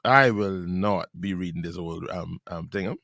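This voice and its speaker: Man, pastor and radio host, lowish voice, dry close studio sound, chatty, laughs a lot. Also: creaky, sharp tone, no room sound. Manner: laughing often, reading aloud in halting bursts. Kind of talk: casual talk radio chat. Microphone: studio microphone.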